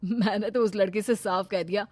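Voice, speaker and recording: A woman voicing an earnest young man in a cartoon, speaking softly and mildly. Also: mid-range voice, fairly even intonation, moderate pace, no echo, lightly acted. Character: young man Abhi, earnest son and suitor. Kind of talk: cartoon voice acting.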